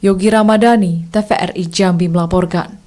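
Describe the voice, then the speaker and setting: A female news anchor reading scripted reports in a formal, measured way. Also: lowish voice, steady tone, dark tone.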